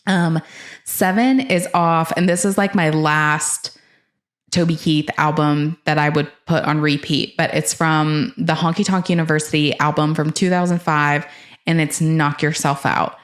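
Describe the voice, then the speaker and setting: Low-voiced woman chatting about music. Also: fairly even intonation, a little slow. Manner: rambling, enthusiastic, many fillers and restarts. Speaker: host. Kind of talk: casual chat about music.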